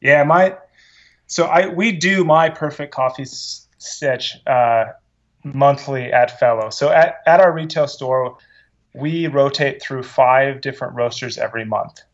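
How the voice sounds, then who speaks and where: A man's voice: medium pitch, a little slow, muffled recording. A man who runs a coffee company, telling stories in an interview with eager restarts. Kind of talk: casual interview answers.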